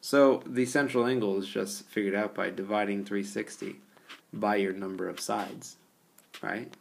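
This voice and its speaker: A man's voice: lowish voice, fairly even intonation, measured pace, vocal fry. A man teaching a geometry lesson over a screencast, explaining patiently in a casual way and often checking in with the listener. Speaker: math teacher.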